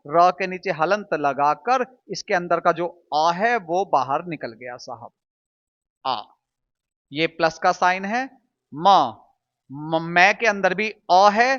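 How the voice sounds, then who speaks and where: A man's voice: high voice, bright, forceful tone, muffled recording. A man teaching a Hindi lesson to students, patiently drilling sounds aloud and answering his own questions. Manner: asks questions and answers them himself.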